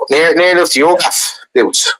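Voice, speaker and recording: A man's voice: fairly high pitch, moderate pace, a bit bright, rough recording. An Irish-accented man in casual, bantering group chat full of informal slang.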